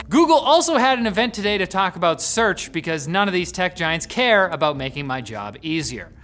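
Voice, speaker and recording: A tech news host reading scripted headlines with jokey, sarcastic asides, swinging from loud bursts to hushed mutters. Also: medium pitch, sing-song, moderate pace, a little hiss or hum.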